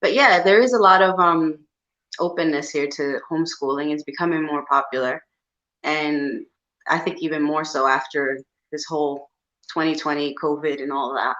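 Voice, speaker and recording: Low-voiced woman on a muffled video call, friendly. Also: moderate pace, fairly bright tone. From New Jersey. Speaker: interview guest.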